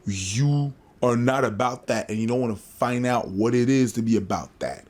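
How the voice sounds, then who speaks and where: A man co-hosting a casual podcast, walking through a situation in a measured, explanatory way. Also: medium pitch, darkish tone. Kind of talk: casual chat.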